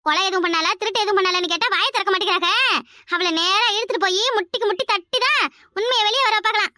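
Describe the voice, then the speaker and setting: A woman's voice: very high voice, racing, sharp tone, no echo, clean studio sound. A woman voicing a sly young daughter-in-law in a cartoon, with a Kanyakumari Tamil accent, who tattles and stirs up trouble. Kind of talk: cartoon voice acting.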